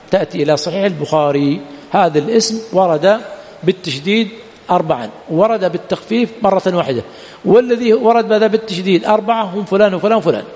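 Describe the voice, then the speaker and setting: Male teacher, quick and high-pitched, lecturing on hadith terms in a reverberant hall and drilling points with question-and-answer repetition. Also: a little mellow. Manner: rhetorical questions answered by himself, repeating key words. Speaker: Islamic studies teacher. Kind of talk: classroom lecture on hadith science. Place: lecture hall of an Islamic studies center.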